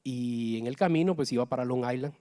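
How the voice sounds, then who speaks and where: A middle-aged Guatemalan man gives an emotional personal testimony in church, his voice swinging between hushed and loud. He speaks fairly quickly in a mid-range voice.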